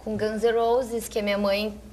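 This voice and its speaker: A woman's voice: mid-range voice, level tone, normal speed, mellow, a little hiss or hum. A young woman, a guest chatting casually about her teen years. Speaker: guest, fellow TV presenter. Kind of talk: casual chat.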